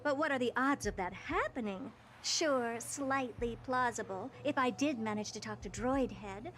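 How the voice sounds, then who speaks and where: A woman's voice: on the high side, normal speed, a bit bright, slight background noise, lightly acted. An actress voicing an aloof, impatient female genius scientist in a video game, dry and dismissive. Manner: dry, dismissive, matter-of-fact.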